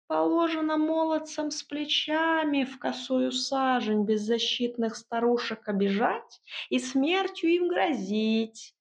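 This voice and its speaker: A woman voicing a spiteful old crone witch, with a creaky, sneering voice and a mocking, scolding manner. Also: high-pitched, slow pace, voice pushed up, full character voice.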